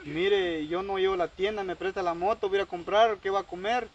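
A man's voice: sits high, fairly even intonation, a little fast, dull audio, slight background noise. A man telling a long personal story in casual talk, acting out both sides of the conversation. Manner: rambling, heavy use of quoted dialogue. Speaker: storyteller recounting a personal dispute.

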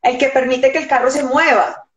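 A woman's voice: high-pitched, fairly even intonation, normal speed, a bit bright, reverberant. A woman hosting a live interview, introducing her guest with enthusiasm. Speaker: host.

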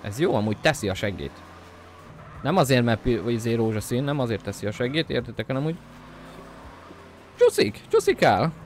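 A man talking his viewers through a game in loose, casual commentary. He jokes to himself and to the audience, swears now and then, and keeps bursting into high, loud shouts when things go wrong. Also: expressive, slight background noise. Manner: jokey self-talk to viewers. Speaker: gameplay commentator. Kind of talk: casual let's-play commentary.

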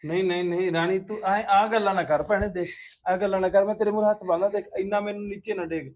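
A man's voice: on the high side, expressive, fast talker, darkish tone. An actor with a Punjabi accent playing a village man pleading with a woman he calls sister. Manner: pleading, placating. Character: pleading middle-aged village man, defensive. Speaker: actor playing a family friend. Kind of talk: village web series drama.

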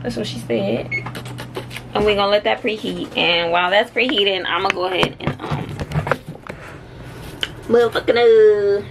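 A woman's voice: medium pitch, animated, normal speed, pauses often. A young adult woman vlogging casually as she cooks, talking loosely to her viewers and swearing now and then. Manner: loose, chatty, swears, talks straight to viewers. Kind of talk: casual cook-along vlog. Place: small home kitchen, indoors. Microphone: handheld camera, moved around. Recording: noisy home recording.

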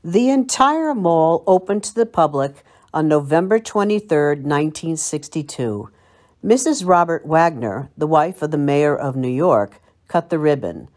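An older woman from Long Island, United States, with an American accent, presents local history for a library, narrating a scripted piece in a reminiscing, storytelling way. Her voice is low, expressive, and a little mellow, and she speaks a little slowly.

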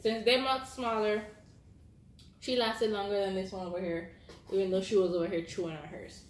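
A woman's voice: mid-range voice, fairly even intonation, moderate pace, over a noisy crowd. A young woman chatting casually and playfully as host of a home challenge video, picked up by a camera across the table. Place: home dining room, indoors. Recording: echoey room with background noise.

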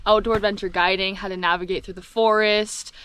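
A woman's voice: medium pitch, fairly even intonation, a little fast, a bit bright, slight background noise. A young woman chatting upbeat to a handheld action camera on an outdoor mountain trail. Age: young adult. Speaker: vlogger. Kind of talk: casual travel vlog chat.

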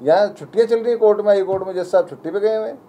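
Fast-talking young man pleading with the press. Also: high-pitched, dark tone, slight background noise. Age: young adult. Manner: pleading, indignant, rapid and emphatic. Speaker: community spokesman at a press conference. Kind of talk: impassioned press statement.

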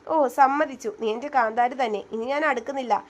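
A woman's voice: fairly high pitch, normal speed, lightly acted. A woman voicing a teasing, playful young husband in a spoken story, with bantering, mock-stern lines.

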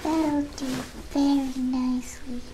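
A woman voicing an eerie little child in a horror game, warning mommy in a hushed, urgent, whispery way. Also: high voice, level tone, takes it slowly, heavy background noise. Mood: hushed, eerie urgency.

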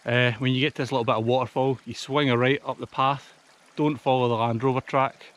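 In a casual vlog from a mountainside, a Scottish man in his thirties speaks fairly quickly to camera, a bit out of breath from hiking. His mid-range voice is fairly bright, with a flat delivery.

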